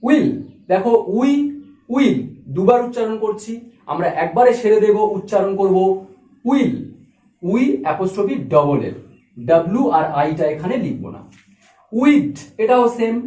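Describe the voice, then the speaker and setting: A man teaching an English grammar lesson, explaining step by step and repeating each word slowly. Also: high voice, a little mellow. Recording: echoey room, voice from a distance.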